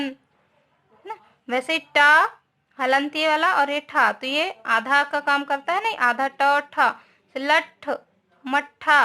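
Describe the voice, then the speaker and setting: A woman's voice: high-pitched, bright, forceful tone. A woman teacher giving a grammar lesson to schoolchildren, spelling out each word, asking the class questions and often adding a short tag question.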